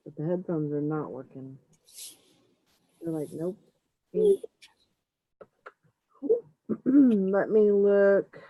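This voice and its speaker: A woman's voice: lowish voice, expressive, drawn-out words, long pauses, no room sound. Muffled woman, as if through a wall. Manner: chatty, fussing over audio checks. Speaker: livestream host. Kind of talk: casual live-stream chat. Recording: muffled phone-like dry audio.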